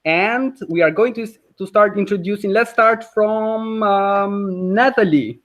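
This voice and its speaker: A man's voice: sits high, unhurried, fairly bright tone. A man with an Albanian accent teaching a live online language lesson in a friendly, explanatory way, with frequent fillers, over a video call.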